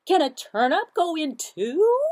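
Woman doing an eager, squawky-high silly cartoon duck. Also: sing-song, unhurried, a little mellow, no echo, studio quality. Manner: exclaiming, pleading. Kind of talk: picture-book read-aloud.

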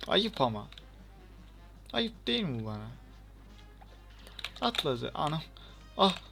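Excitable young gamer guy. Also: fairly high pitch, unhurried, vocal fry, faint music behind. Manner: chatty, excitable, talks to the game and the viewers. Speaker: gaming channel host. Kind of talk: casual let's-play commentary.

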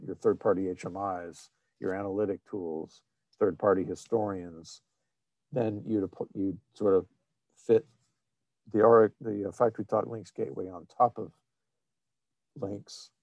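Halting man presenting a technical webinar. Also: low-pitched, warm tone, no echo, dull audio. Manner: halting, many fillers and restarts. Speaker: presenter of an online technical seminar. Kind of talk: screen-shared webinar presentation.

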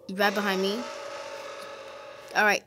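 A woman giving casual commentary over her gameplay. She gets excited quickly and grumbles at her teammates. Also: mid-range voice, background noise. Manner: excitable, quickly frustrated, calls teammates idiots. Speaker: gaming video host.

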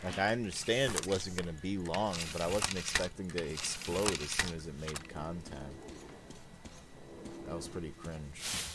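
A man's voice: sits low, steady tone, moderate pace, heavy background noise. A young man streaming a video game, chatting casually with slang and swearing in a laid-back way. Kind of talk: casual gameplay commentary to chat. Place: indoor room, webcam gameplay stream. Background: video game sounds.

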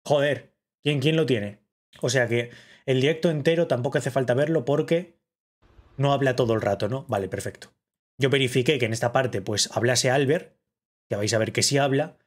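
A man reacting to a livestream clip in casual commentary, excitable and repetitive, often bursting into mock-awed shouts. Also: mid-range voice, normal speed. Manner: excitable, shouts in mock awe, repeats himself.

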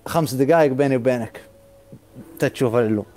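Fast-talking taunting man. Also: mid-range voice, a little mellow. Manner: taunting, boisterous, urging viewers to share. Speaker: live streamer. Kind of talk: live-stream battle banter.

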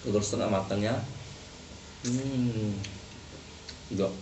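A man's voice: on the low side, takes it slowly, dark tone, recorded from a distance, a little hiss or hum. Food vlogger, male, chatty, speaking through a mouthful of noodles, roomy and a bit off-mic. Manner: chatty, addresses viewers as guys. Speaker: mukbang vlogger. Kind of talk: casual eating vlog chat. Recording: echoey, off-mic, with music behind.

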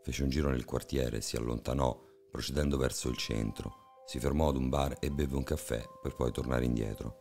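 A man narrating a horror story in a measured, somber way. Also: rumbling low, fairly even intonation, a little mellow. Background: faint music.

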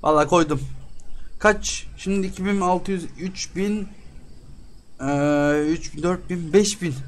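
A man's voice: high-pitched, unhurried, noisy background. A man hosting a game let's-play, chatting with the characters on screen as he haggles over prices and often bursts out in exasperation. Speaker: gaming channel host.

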